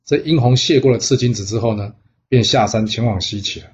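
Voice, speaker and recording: A man's voice: lowish voice, brisk, darkish tone, highs cut off. A man narrating a classic tale in a chatty way, asking rhetorical questions as he goes. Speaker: storyteller. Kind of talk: storytelling narration.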